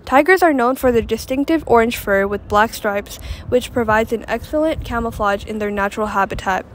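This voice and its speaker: Higher-voiced woman narrating a nature documentary, some noise. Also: a little fast. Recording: background ambient noise.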